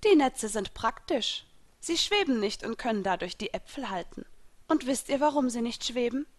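A woman reading a cold, mocking young female mage of a dark guild in a fan audiobook. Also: fairly high pitch, expressive, moderate pace, voice pushed up. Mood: gloating. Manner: taunting, with an icy laugh.

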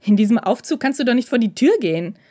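A woman's voice: fairly high pitch, animated, fast talker, dark tone, no echo, clean studio sound, voice pushed up. A woman voicing a cold older male student who speaks in clipped, commanding sentences. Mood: stern.

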